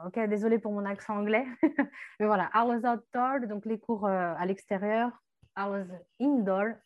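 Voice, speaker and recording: A woman's voice: mid-range voice, narrow, tinny audio. Woman teaching Portuguese in French. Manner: explains with many fillers and French-Portuguese switching. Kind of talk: language lesson chat.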